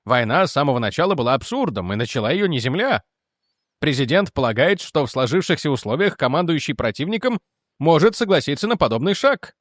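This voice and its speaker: A man's voice: fairly high pitch, very animated, fairly quick, no echo, studio quality. A man playing a pushy government envoy. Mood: indignant demanding. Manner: pressing, demanding questioning. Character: indignant, officious male government representative.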